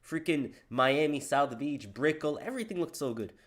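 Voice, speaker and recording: During a live stream, a man with a slightly high voice and lively intonation reacts to wrestling footage and reads out donations at a moderate pace. His talk is loose and slangy, with "bro" coming up constantly.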